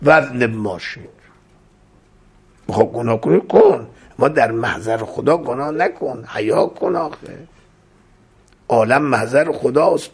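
A man's voice: mid-range voice, breathy edge. A male preacher telling a dramatic story in a sermon, quoting Arabic scripture.

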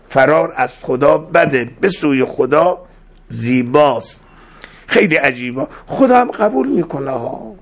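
A man's voice: on the high side, husky. A male preacher telling a dramatic story in a sermon, quoting Arabic scripture.

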